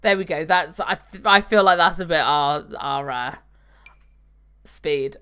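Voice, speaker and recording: Low-pitched and measured, her voice is sharp, clear and resonant. This young woman streams games from home, talking casually and reading viewer comments into a desk mic on webcam.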